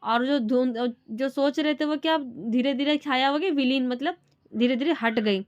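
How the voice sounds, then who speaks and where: A woman teacher reading a story passage aloud and then explaining it in simple words, often pausing and restarting. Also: sits high, muffled recording. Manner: halting, with restarts and fillers.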